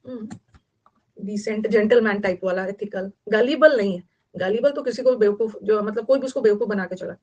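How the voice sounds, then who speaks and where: A woman's voice: mid-range voice, moderate pace, darkish tone, dull audio. A woman teaching an online English vocabulary class, explaining each word in mixed Hindi and English and repeating terms many times, with an Indian accent.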